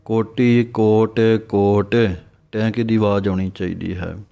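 A man gives a pronunciation lesson in scripture chanting. He chants each verse slowly, then explains it more quickly. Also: fairly low pitch, fairly even intonation, gravelly, warm tone. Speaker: scripture recitation teacher.

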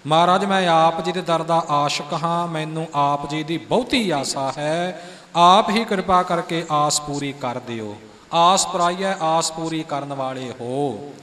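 A man with a high voice teaches the recitation of Sikh scripture, moving from calm explanation into slow sung lines that show the right pronunciation. His voice carries a long reverb, as if he is in a large hall. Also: a little hiss or hum. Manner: explains calmly, then sings lines slowly to model pronunciation.

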